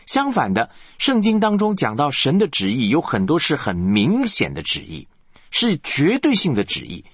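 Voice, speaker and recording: A man's voice: medium pitch, slightly rough, no echo. A male pastor preaching a sermon, asking the congregation rhetorical questions.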